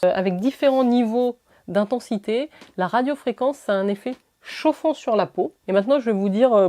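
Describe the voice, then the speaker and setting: A woman's voice: medium pitch, dark tone. A French woman beauty vlogger chatting through a product review, enthusiastic, with many fillers and restarts.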